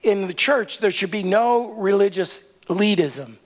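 A middle-aged pastor with a notably high voice for a man, preaching from a church stage. He presses his points and keeps checking in with the congregation, tagging lines with "right?". Recorded on a body mic in a big sanctuary. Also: lively intonation, unhurried. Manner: emphatic, rhetorical questions with a tag "right?". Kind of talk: sermon.

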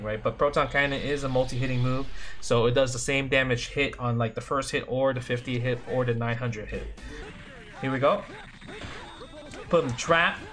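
Excitable bright-voiced man calling his own gameplay. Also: a little high. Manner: excitable, swings from muttering to yelling. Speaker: fighting game player and commentator. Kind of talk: live gameplay commentary.

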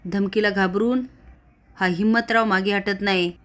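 A defiant old village elder rallies the villagers against the police in a retold serial, as a woman narrator puts him on. His voice is even and flat. He pushes back firmly. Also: medium pitch, normal speed, lightly acted. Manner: defiant, rallying.

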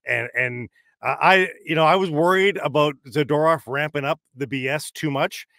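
A man in his forties co-hosting a hockey podcast, giving his opinions firmly and jumping in with quick remarks, recorded on a large studio mic in a small padded room. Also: fairly high pitch, creaky, pushed and bright, no echo. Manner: emphatic, opinionated, quick interjections. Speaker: podcast co-host. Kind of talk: casual sports banter. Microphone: large studio mic with headphones.

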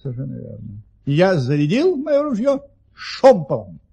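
An actor playing a boastful, cheerful baron who tells tall tales in an earnest, courteous, theatrical manner in an audio play. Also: male voice, fairly high pitch, huge pitch swings, moderate pace, vocal fry, warm tone, breathy edge, heavily acted. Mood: proud storytelling.

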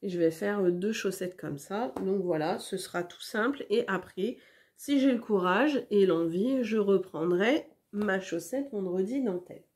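Woman rambling about her socks, lots of ums, slow and easygoing. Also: mid-range voice, darkish tone. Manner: hesitant, many fillers and restarts. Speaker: knitting podcast host. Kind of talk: casual knitting vlog chat.

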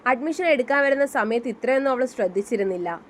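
Woman reading a story aloud, slightly high. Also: expressive, fast talker, a little hiss or hum. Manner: reads all the characters' dialogue in her own voice. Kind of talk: scripted story narration.

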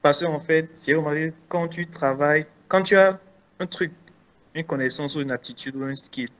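Bright-voiced Beninese French man, hesitant. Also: fairly high pitch, moderate pace. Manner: hesitant, many restarts and fillers. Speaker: guest content creator. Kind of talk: casual interview answers.

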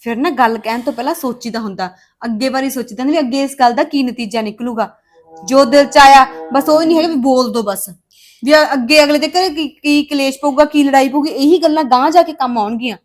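An actress playing a stern sister-in-law who lectures a younger girl with sharp retorts. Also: sits high, fairly quick. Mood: scolding.

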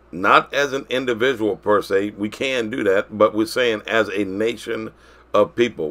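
A man preaching a sermon, moving between loud declarations and quiet, drawn-out phrases. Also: on the low side.

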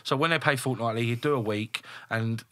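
A man's voice: medium pitch, brisk, no echo. A man, a builder guest on a podcast, telling a story bluntly with lots of swearing. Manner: blunt, heavily profane, animated retelling. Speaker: guest, builder and property developer.

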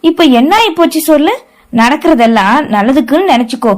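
A patient middle-aged woman in an audio novel, calming a weeping relative with steady reasoning, as a woman reader puts her on. Her voice is high and firm. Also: fairly quick.

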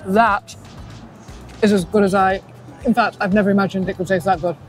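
A woman's voice: medium pitch, steady tone, normal speed, faint music behind. A woman co-hosting a food vlog, chatting casually and gushing with delighted exclamations as she tastes. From United Kingdom. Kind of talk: casual chat while tasting food.

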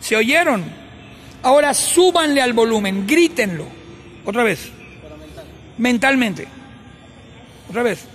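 High-voiced coach giving short commands. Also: male voice, lively intonation, a bit bright, a little hiss or hum. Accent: Mexican Spanish. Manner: short spoken commands with pauses. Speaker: sports coach. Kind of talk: coaching a group through breathing drills.

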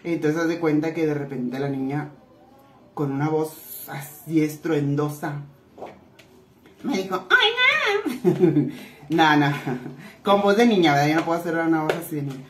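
A woman chatting warmly with viewers while cooking in her home kitchen, calling them little treasures. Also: low voice, fairly even intonation, moderate pace. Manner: chatty and affectionate, calls viewers "tesoritos". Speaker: cooking vlogger. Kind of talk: casual cooking chat to viewers. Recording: echoey room with faint noise.

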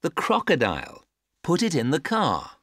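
A woman's voice: sits low, wildly swooping pitch, moderate pace, dry recording, studio quality, heavily acted. A woman acting a patient adult giving simple instructions in careful, stilted textbook dialogue. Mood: patient, instructive. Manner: careful, over-clear instructing.

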